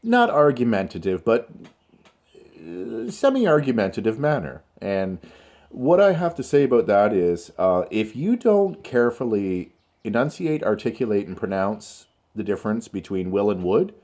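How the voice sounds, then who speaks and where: Slow, deliberate low-voiced male teacher. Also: sing-song, darkish tone. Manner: slow, deliberate, with stretched words and pauses for emphasis. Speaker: English teacher. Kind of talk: spoken grammar lesson.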